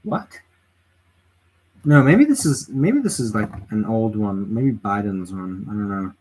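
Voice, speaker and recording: A man's voice: lowish voice, expressive, normal speed, darkish tone, slight background noise. A man casually commenting on a livestream, exclaiming and swearing freely with frequent laughs. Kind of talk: casual live-stream commentary.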